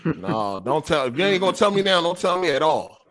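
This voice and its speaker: A man's voice: fairly high pitch, big pitch swings, a little fast, a crowd in the background. A man hosting a casual gaming podcast, pushy and slangy as he presses for answers and thanks the listeners. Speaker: podcast host.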